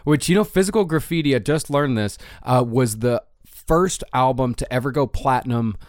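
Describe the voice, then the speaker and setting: A man's voice: mid-range voice, moderate pace, no echo. Man, podcast co-host, casual chat and narration, swears freely, very dry recording. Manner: animated, swears freely, laughs a lot.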